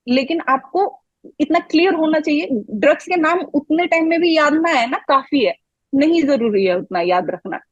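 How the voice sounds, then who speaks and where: High-voiced woman giving encouraging advice. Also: expressive, moderate pace, dry recording, dull audio. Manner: encouraging, talks in a flowing chatty way. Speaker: interview guest, medical graduate. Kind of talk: casual advice in an interview.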